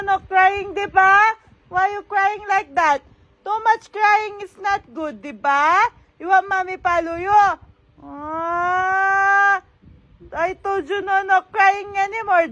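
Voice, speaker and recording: A woman speaking as a mother, scolding a crying child in a high sing-song voice, mixing English and Tagalog. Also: fairly bright tone, muffled recording.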